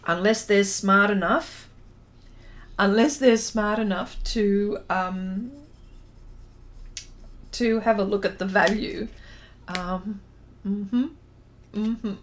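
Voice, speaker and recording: With a medium-pitched, fairly even voice, the Australian woman talks slowly and leaves long pauses, against slight background noise. She's a middle-aged artist on a casual livestream, rambling and trailing off as she reads out viewer comments and replies.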